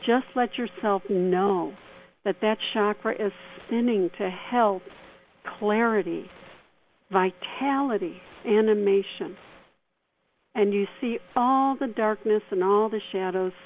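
A woman radio host leading a guided meditation in a slow, gentle, soothing way. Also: medium pitch. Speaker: radio host and spiritual counselor. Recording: tinny phone-like band, faint noise.

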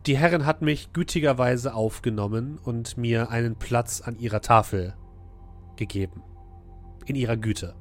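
A man plays a weary old woman in a tabletop fantasy game, once a ruler and now a servant. The voice trembles with fear and pleads haltingly, over background music. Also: mid-range voice, close to an everyday voice. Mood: fearful, guarded. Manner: trembling, fearful, hesitant pleading. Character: frightened, weary elderly woman, deposed ruler turned servant.

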